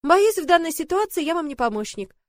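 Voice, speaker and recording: A woman's voice: extremely high pitch, very animated, a little fast, no echo, pitched above the performer's own voice. A woman reading a storybook voices the young heroine, a caring nanny who answers with wry teasing.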